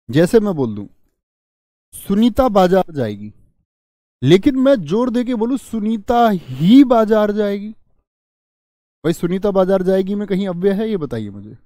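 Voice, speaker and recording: A man's voice: fairly high pitch, mellow, no room sound, clean studio sound. A man teaching Hindi grammar in a live online class with a north Indian Hindi accent. He repeats key phrases to drive them home and answers viewer comments.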